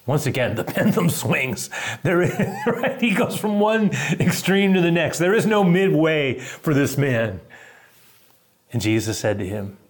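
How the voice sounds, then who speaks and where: A male pastor preaching a sermon in an animated storytelling manner, chuckling often as he retells a scene. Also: on the high side, measured pace.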